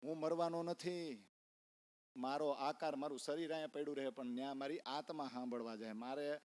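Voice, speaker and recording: A man playing a defiant young devotee who shouts at his parents in a Kathiawadi Gujarati accent. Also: on the high side, fairly even intonation, moderate pace, natural voice. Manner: shouting, scolding. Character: defiant young devotee locked in a room, male.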